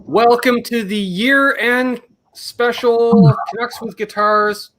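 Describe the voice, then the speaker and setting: In a poor-quality recording with a crowd audible behind him, a middle-aged man with a Canadian accent hosts a casual live stream. His voice is extremely high, steady and slow as he rambles, jokes and reads out names. He's losing his voice and coughing.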